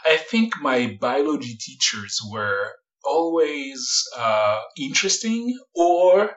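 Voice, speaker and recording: A man's voice: on the high side, sing-song, slow pace, a bit bright. Guy, researcher on a podcast, kinda hesitant, lots of uh and you know, slightly dull audio. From France, Paris area. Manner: thoughtful, hesitant, many fillers, laughs lightly. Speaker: immunology researcher, guest. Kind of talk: casual interview talk.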